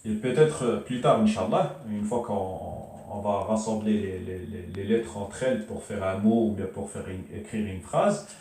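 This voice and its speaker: A man teaching a beginner's language lesson at a board, patiently repeating syllables and pausing often with hesitations. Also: on the low side, dark tone. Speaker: Arabic teacher. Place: room with a board. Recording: echoey room, voice from a distance.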